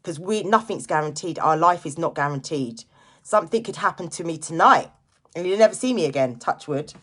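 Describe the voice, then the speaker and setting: Her voice sits low, expressive and fairly quick, a bit bright and slightly rough. She's a late-forties direct seller hosting an informal motivational live chat, speaking directly to her audience and repeating key phrases for emphasis.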